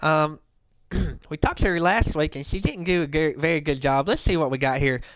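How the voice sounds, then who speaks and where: Man, radio host, high bright voice, loud rambling rants. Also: moderate pace, dry recording, rough recording. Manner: loud rambling ranting, swings into conspiracy rants. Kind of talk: comedic call-in radio rant.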